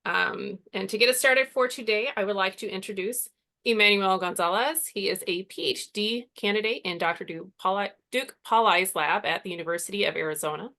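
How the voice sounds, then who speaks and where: A woman hosting an online workshop, opening the session relaxed and with frequent fillers. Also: medium pitch, fairly quick. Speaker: workshop host and project manager. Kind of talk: introducing a webinar session.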